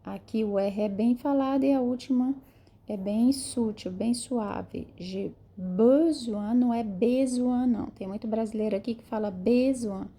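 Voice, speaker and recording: A woman teaching French pronunciation, repeating each model word slowly and carefully. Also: on the high side, dark tone. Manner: slow, drawn-out model words, repeats each phrase. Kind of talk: pronunciation lesson.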